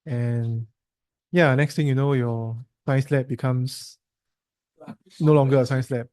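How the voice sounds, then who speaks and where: A man's voice: mid-range voice, fairly even intonation, slow, a little mellow. A man with a Singaporean English accent tutoring a student through a science lesson, quizzing him and teasing him in a chatty way.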